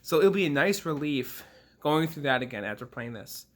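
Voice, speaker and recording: A man's voice: fairly high pitch, expressive, normal speed. A man in his twenties ranting to camera about a game he played, rambling and emotional, swearing often. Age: 20s. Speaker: gaming vlogger. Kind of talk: casual rant to camera.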